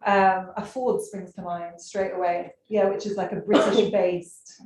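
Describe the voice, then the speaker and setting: A woman's voice: mid-range voice, flat delivery, a little slow, darkish tone. A woman speaking as a guest in a discussion, fluent and emphatic. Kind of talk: conversational discussion. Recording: echoey distant mic with faint noise.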